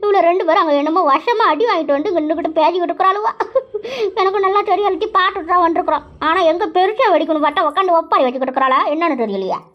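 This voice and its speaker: A woman's voice: very high voice, rapid-fire, muffled recording. A woman voicing a gossipy village woman who scolds and banters. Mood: bantering.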